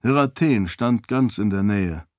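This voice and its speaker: A man narrating an audiobook in an even, measured storytelling manner, close to the microphone. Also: lowish voice, dry recording. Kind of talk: scripted narration.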